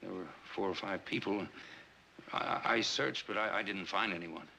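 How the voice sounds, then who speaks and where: Deep, creaky, stammering frontier priest. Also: male voice, sharp tone, full character voice. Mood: nervous. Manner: halting, stammering, apologetic. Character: flustered, evasive frontier priest. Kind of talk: 1960s television western acting. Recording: faintly noisy old TV soundtrack.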